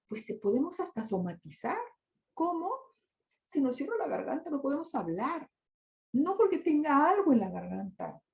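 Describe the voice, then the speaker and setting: Older woman lecturing, mellow and echoey. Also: high-pitched, creaky. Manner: conversational, asks the audience rhetorical questions. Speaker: lecturer on migration and grief. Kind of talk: presentation to an audience with slides.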